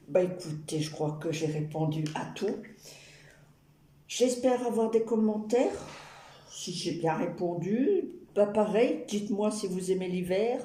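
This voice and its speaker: Crafting on camera, this woman talks to her YouTube audience in a loose, rambling way, peppered with playful asides. She has a lowish, dark-toned voice, and the audio echoes in the room amid background noise and clicks.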